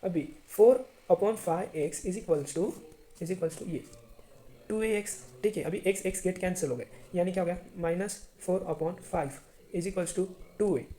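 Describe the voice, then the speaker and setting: Guy teaching math online, mellow warm tone, keeps asking if u got it. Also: high voice, takes it slowly. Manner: chatty, checks understanding often, playful asides to students.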